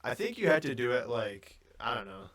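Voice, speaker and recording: A man's voice: mid-range voice, a little fast. Rambling young man in casual chat. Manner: rambling, filler-heavy, loose and animated. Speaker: podcast co-host.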